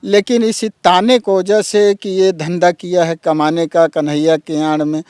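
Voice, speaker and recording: A man's voice: high voice, little pitch movement, measured pace, a little mellow, clean tone, no echo. A man telling his own story earnestly, often addressing the interviewer as sir. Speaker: interviewee, village YouTuber. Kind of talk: emotional personal account.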